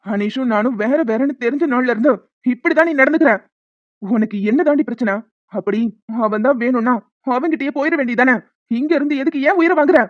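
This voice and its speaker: A young cartoon husband, hurt and quick to anger, as a voice actor plays him. He talks with raw, bitter force and sinks into soft remorse. The sound is dry and lo-fi. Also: very high voice, dry recording. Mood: angry. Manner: shouting, bitter, then softly pleading. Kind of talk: Tamil cartoon voice acting. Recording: dull lo-fi sound.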